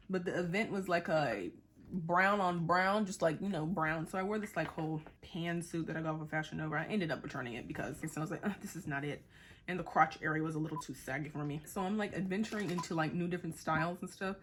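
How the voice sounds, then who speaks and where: A woman's voice: low voice, fast, a little hiss or hum. A woman in her twenties from Boston, rambling in a casual chat with many fillers and acted-out quotes. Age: 20s. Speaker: vlogger. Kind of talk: casual chat while getting ready.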